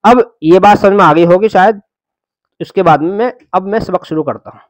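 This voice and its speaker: A man teaching Quran reading, spelling out letters and vowel marks slowly and patiently, then blending them into words and correcting common student mistakes. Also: high-pitched, dry recording. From India. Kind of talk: slow syllable-by-syllable Quran reading lesson.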